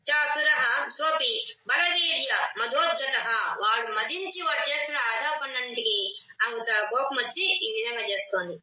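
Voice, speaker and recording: Bright high-voiced woman teaching scripture. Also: slight background noise. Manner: explains verse by verse, repeats phrases, asks rhetorical questions. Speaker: spiritual teacher. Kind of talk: scripture class discourse. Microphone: online class recording. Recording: roomy, distant, dull online class audio.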